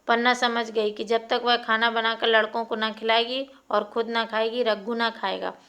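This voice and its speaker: A woman reading a classic short story aloud in a steady, expressive narration. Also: on the high side, moderate pace.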